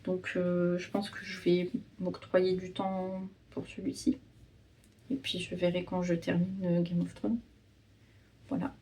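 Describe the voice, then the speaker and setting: Mellow-voiced French book vlogger, hesitant. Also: female voice, lowish voice, flat delivery, measured pace, far from the mic, a little hiss or hum. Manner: hesitant, many fillers and restarts. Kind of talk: casual reading vlog.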